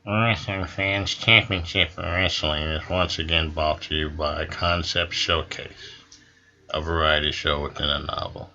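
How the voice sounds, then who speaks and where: A man playing a wrestling show pitchman, reading a scripted sponsor ad in a deliberate, salesy way. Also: steady tone, bright, forceful tone, muffled recording, exaggerated voice. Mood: selling.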